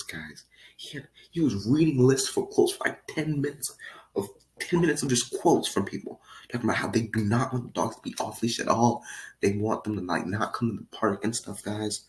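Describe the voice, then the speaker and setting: A man's voice: lowish voice, lively intonation, normal speed, slight background noise, poor audio. Rambling, giggly male vlogger. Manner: rambling, giggly, keeps drifting off track and addressing "guys". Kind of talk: storytime vlog.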